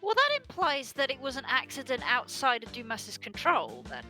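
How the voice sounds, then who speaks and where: A woman's voice: high-pitched, wildly swooping pitch, moderate pace, bright, forceful tone, soft background music. A woman chatting casually as co-host of a game playthrough. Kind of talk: casual chat.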